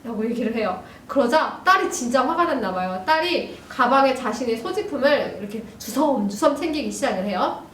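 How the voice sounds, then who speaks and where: High-voiced woman teacher in a roomy space. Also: animated, brisk, few pauses. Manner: gentle, addresses students warmly, frequent "ja" fillers. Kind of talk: recorded lesson for young students. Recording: roomy, distant mic, faint hiss.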